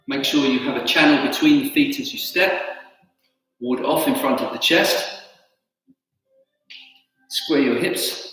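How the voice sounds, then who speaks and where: A man teaching tai chi, giving calm, unhurried step-by-step instructions in short phrases. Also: medium pitch. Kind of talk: instructional movement cues. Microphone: camera at a distance. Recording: very echoey hall, distant mic, faint music.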